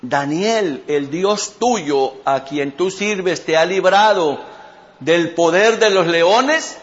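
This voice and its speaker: A grave ancient king speaks in solemn, measured words, voiced by a male preacher. The voice is high for a man, and the delivery is slow and weighty. The recording sounds dull and lo-fi. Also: very animated, a bit bright, heavily acted. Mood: hushed. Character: King Darius, an anxious then awed monarch.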